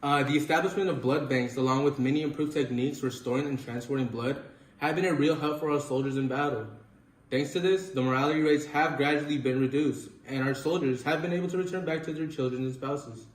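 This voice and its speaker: A man's voice: medium pitch, fairly quick, lightly acted. Man as formal professor, echoey and distant. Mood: formal, sincere. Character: grateful, formal male 1940s army doctor and professor. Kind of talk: scripted news interview role-play. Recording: echoey, off-mic room with faint noise.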